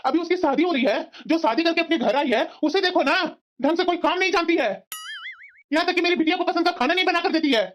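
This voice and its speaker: A woman voicing a stern cartoon father, gruff and fast. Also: very high-pitched. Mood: scolding. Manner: gruff, scolding. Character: stern middle-aged father who spoils his daughter. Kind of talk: cartoon voice acting. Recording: muffled lo-fi.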